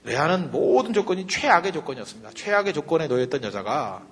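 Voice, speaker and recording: Lively, fast-talking husky male preacher. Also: on the high side, in a large hall. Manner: animated, joking, rhetorical questions. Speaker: pastor and lecturer. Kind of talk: humorous sermon lecture.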